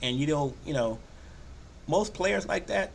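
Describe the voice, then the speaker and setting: An older man hosting a sports podcast, talking casually and loosely, often slipping into animated quoted voices. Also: a little high, unhurried, gravelly, slight background noise. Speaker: podcast host. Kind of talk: casual sports talk monologue.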